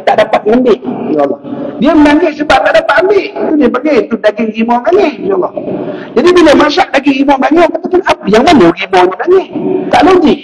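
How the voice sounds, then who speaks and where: High-voiced Malaysian preacher in echoey hall. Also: male voice. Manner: storytelling, frequent pious interjections, lively. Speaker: religious teacher. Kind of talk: casual sermon. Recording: echoey room, voice from a distance.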